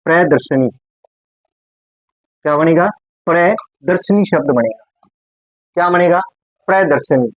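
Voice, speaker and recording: A man with a Rajasthani Hindi accent teaches grammar in a slightly high voice. The sound is close and dry, with no room echo. He drills each word by repeating it and keeps asking his students questions. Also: slow pace, pauses often. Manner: repeats words, quizzes students with rhetorical questions. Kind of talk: classroom lecture.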